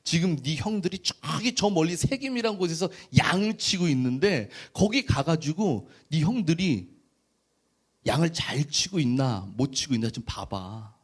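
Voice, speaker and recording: A pastor acting out an old father who gruffly scolds and instructs his son. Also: a little high, lively intonation, normal speed. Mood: instructing.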